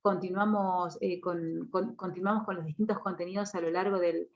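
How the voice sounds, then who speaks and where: A woman's voice: lowish voice, steady tone, normal speed. A woman giving a recorded course lecture, explaining step by step with frequent tag questions and hesitant fillers. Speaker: course instructor. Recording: dull lo-fi audio.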